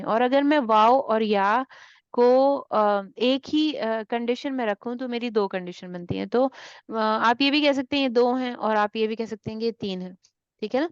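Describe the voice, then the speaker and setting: A woman with a fairly high voice teaches a tajweed class over a video call. She explains patiently and keeps checking that her students follow. The sound is dry and a bit dull. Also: dry recording. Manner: checks understanding with frequent tag questions. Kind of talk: online class, mixing Urdu and English.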